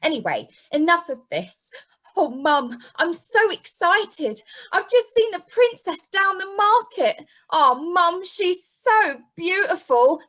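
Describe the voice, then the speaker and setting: A very high, bright voice that swings freely in pitch, a woman playing a lovestruck young pantomime lad. The delivery is eager, earnest and exaggerated. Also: big pitch swings, slow pace, full character voice. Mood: excited. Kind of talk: comic pantomime acting.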